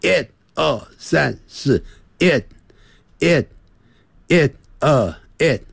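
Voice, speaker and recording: A man giving a radio English lesson, repeating short phrases over and over and slowing right down to model the sounds. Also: medium pitch, huge pitch swings, husky, no echo, studio quality. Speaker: English teacher.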